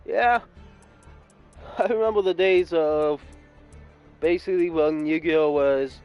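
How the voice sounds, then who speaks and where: Slow, rambling young man from California. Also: a little high, smooth, lo-fi sound, soft background music. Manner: rambling, self-correcting. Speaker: gaming YouTuber. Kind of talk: casual gameplay commentary.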